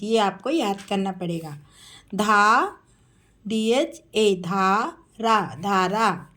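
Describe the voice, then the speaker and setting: Woman teacher, spelling lesson, very slow, drawn-out syllables, slightly high voice. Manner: drawn-out, syllable-by-syllable dictation of names.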